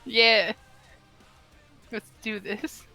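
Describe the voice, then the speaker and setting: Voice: medium pitch, level tone, extremely slow, bright, forceful tone, soft background music. A player in a tabletop game, upbeat and eager as they call out rolls and moves.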